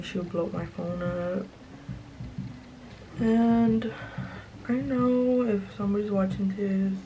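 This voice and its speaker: A young adult woman chatting confessionally in a laid-back stoner drawl, slangy and sweary, with a gravelly fry to her voice. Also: mid-range voice, a little mellow, a little hiss or hum, rough recording. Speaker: vlogger. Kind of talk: confessional casual chat.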